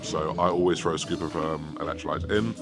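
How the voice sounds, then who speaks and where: Filming a casual vlog at home and later at the gym, this bodybuilder and fitness coach chats brightly and cheerfully, dropping casual swears over background music. His low, raspy voice has a half West Country English accent, and he keeps a steady tone at a brisk pace.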